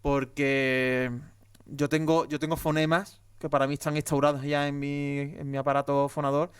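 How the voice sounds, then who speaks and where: Smooth-voiced Andalusian man, emphatic. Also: a little high, little pitch movement, normal speed, no echo. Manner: emphatic and heated, many restarts. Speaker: guest comedian. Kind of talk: casual podcast conversation.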